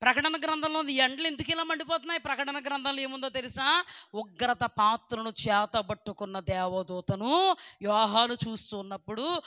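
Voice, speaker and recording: A middle-aged woman delivers a sermon and keeps pressing her listeners with repeated questions. Her voice has a bright, forceful edge. She drops into quiet asides, then rises into loud, emphatic bursts, recorded close and dry. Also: a little high, dry recording. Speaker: preacher.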